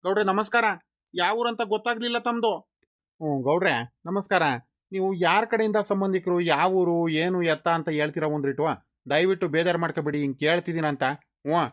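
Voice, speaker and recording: Man as courteous elder brother, cartoon, calming, high, brisk. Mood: soothing. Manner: polite, soothing.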